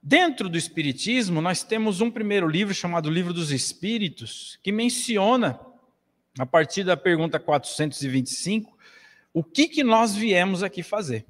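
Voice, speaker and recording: A man's voice: sits high, lively intonation, moderate pace. A man in his forties with a Brazilian accent, giving an earnest spiritist lecture at a lectern with expansive gestures, speaking into a stand mic in a small hall. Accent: Brazilian Portuguese. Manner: earnest, preaching with wide gestures. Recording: long hall reverb.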